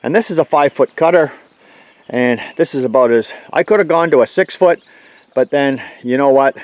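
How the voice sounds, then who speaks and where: A man's voice: mid-range voice, moderate pace, dry recording. A man giving a blunt, folksy, plainspoken walkaround review of his tractor outdoors. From Canada.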